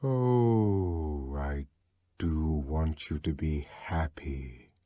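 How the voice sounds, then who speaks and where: A gentle, pleading voice from a machine loudspeaker, performed by a male reader, soft and hushed, slipping down toward a whisper. It speaks slowly with drawn-out, yearning words, and the sound is dry and close. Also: rumbling low, no echo, voice pushed down, heavily acted. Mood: tenderly pleading. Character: tender, pleading synthetic loudspeaker voice.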